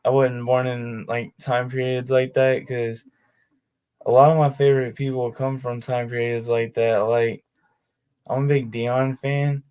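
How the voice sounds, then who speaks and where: A man chats casually on his livestream in a smooth, clean voice. His pitch barely moves and stays almost monotone. He drifts along in relaxed slang, with lots of "like" fillers. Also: unhurried. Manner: laid-back slangy talk full of "like" fillers. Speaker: streamer of his own tabletop game sessions.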